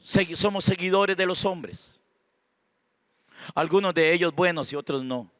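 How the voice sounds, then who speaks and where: A man with a Costa Rican accent preaching from the pulpit. His voice is bright and somewhat high, recorded dry and close. He drops to near hushed prayer and then climbs to loud, fervent exhortation. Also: unhurried, no room sound. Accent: Costa Rican Spanish. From Costa Rica. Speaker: pastor. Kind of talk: sermon. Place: church sanctuary.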